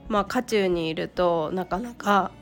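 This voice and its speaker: A woman with a croaky voice, hoarse from a cold, talking casually and haltingly as the solo host of a personal podcast. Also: lowish voice, faint music behind. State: hoarse from a cold, throat-clearing.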